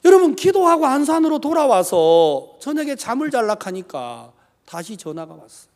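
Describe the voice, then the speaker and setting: Male pastor, high animated voice, theatrical storyteller, long hall echo. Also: moderate pace. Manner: dramatic, switches between voices for quoted people. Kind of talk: sermon storytelling with acted dialogue. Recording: echoey hall reverb.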